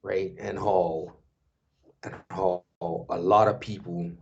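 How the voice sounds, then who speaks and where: Bermudian male guest, very deep voice, laid-back slangy chat, lo-fi sound. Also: flat delivery, slow, creaky, a little hiss or hum. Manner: loose, conversational, street-casual phrasing. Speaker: guest, DJ and culture worker. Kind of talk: casual podcast chat. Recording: dull lo-fi sound.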